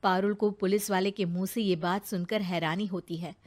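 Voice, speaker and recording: A woman narrating a cartoon moral story in a measured storytelling manner. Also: medium pitch, steady tone, darkish tone.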